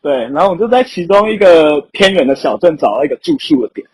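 Lively intonation and a quick pace mark this young adult man's fairly high voice. A podcast guest with a Taiwanese accent, he tells anecdotes casually and with frequent chuckles, though the amateur recording is poor and rough.

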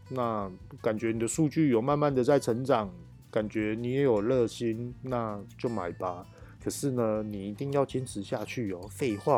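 Young male podcast host, husky mid-pitched voice, self-deprecating storyteller. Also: a little mellow. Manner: rambling, self-mocking anecdotes. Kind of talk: casual solo podcast storytelling.

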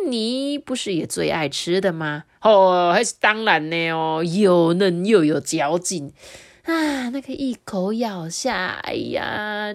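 A woman voicing a sly, greedy one-eared male wolf in a children's story. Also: mid-range voice.

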